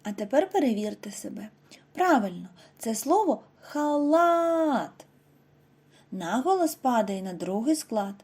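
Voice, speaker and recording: A woman giving a scripted reading lesson to first graders, speaking clearly and stretching out example words slowly for the children. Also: mid-range voice, big pitch swings, dark tone. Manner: slow, over-articulated model words for children. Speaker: primary school teacher.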